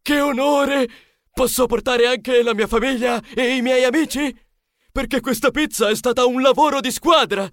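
High-strung cartoonish mouse cook, shrill and shouty, dry close read. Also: male voice, normal speed, no echo. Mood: thrilled. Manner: shrill, squealing and exclaiming. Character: excitable male mouse pizza chef, high-strung. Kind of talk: audiobook character voice.

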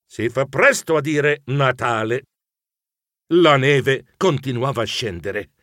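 A man narrating a children's story in the first person, animated and expressive, with grumbly asides. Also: mid-range voice, takes it slowly, dry recording, clean studio sound. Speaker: audiobook narrator.

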